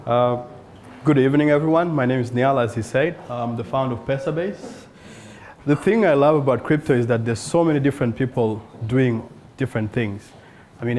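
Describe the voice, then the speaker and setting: A South Sudanese man pitches his startup at a conference, addressing a live audience in an event room. His voice is mellow and slightly dark. He speaks earnestly, raising his pitch on rhetorical questions, and there's a little hiss or hum on the recording.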